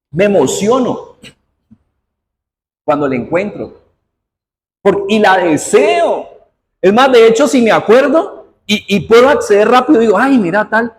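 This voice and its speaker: A man preaching a sermon, reading scripture aloud and prompting the congregation with questions. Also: sits high. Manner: asks the congregation questions as he reads; uses formal usted address. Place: church hall. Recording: hall reverb, faint noise.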